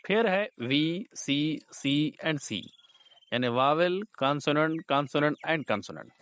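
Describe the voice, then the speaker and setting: Slow, deliberate male linguistics teacher. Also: on the high side, animated, a bit bright, smooth, no echo. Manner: slow, deliberate explaining, words drawn out. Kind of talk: explanatory lecture in Hindi and English.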